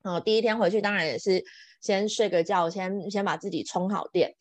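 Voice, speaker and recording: A woman, a podcast guest telling a personal story in an animated, exclamatory way, her voice jumping up in excited bursts. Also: fairly quick, no echo. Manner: expressive, exclamatory, laughs often, jumps between high excited bursts and soft asides. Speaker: podcast guest, event planner.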